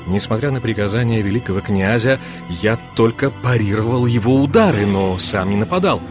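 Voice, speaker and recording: Expressive male audiobook narrator. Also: on the low side, fairly quick, over music. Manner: expressive storytelling. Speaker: audiobook reader. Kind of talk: scripted narration.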